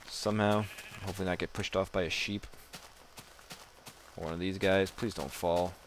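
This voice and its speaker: A man's voice: low voice, steady tone, normal speed. A man giving casual, rambling gameplay commentary, self-deprecating and swearing now and then. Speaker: gamer. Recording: noisy home mic recording.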